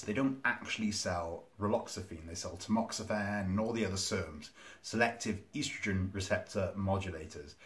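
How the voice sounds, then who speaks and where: Guy vlogging, lowish voice, rambly, lots of um and like. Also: a bit bright. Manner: rambling, candid, lots of ums and likes. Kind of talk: casual to-camera vlog.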